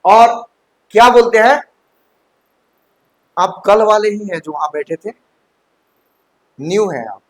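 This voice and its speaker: High-voiced male coaching teacher. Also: lively intonation, slow, long pauses, poor audio. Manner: checks understanding often, mixes English terms into Hindi. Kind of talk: classroom lecture. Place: classroom.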